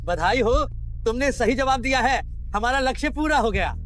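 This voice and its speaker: A man's voice: very high voice, animated, normal speed, fairly bright tone, soft background music. A man dubbing a sneering village bully. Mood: gloating. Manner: sneering, threatening. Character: bullying male village head, arrogant and crude. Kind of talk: dubbed drama acting.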